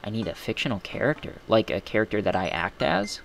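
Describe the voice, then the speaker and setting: A man's voice: fairly low pitch, big pitch swings, fast talker, creaky, soft background music. A young man streaming a game, reading chat aloud and rambling in self-deprecating asides. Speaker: gaming streamer.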